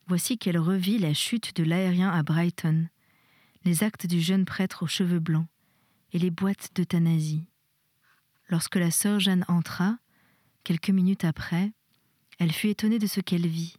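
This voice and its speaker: A woman reads a storybook aloud in a measured, expressive way, her voice sitting fairly low. The recording is dry and close, with no echo. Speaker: audiobook reader. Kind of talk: storybook narration.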